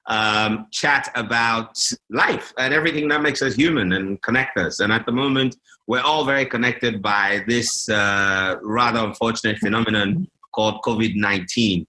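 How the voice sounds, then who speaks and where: A Ghanaian man hosts the conversation with a bright, forceful voice. He speaks in a measured, formal way, introducing his guests. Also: on the low side, poor audio. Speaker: host. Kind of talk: hosted video call chat.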